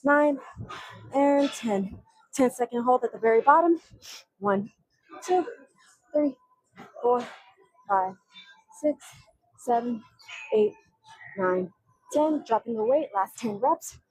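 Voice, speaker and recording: A woman's voice: high-pitched, animated, takes it slowly, pauses often, a little mellow, breathy edge, no room sound, poor audio. A young woman vlogging her workout in a gym, out of breath and counting reps with strained grunts. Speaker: fitness vlogger.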